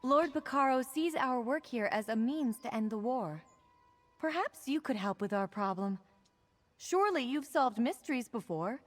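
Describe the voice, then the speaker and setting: Earnest game healer woman, higher-pitched. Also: expressive, moderate pace, soft background music. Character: stern, frustrated but caring manor healer woman. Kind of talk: video game quest dialogue.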